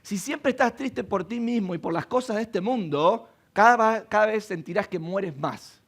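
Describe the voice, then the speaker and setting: A man preaching from the pulpit, his voice gravelly with a lot of fry and sitting somewhat high for a man. He keeps putting rhetorical questions to his listeners. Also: moderate pace. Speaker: pastor. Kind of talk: sermon. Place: church.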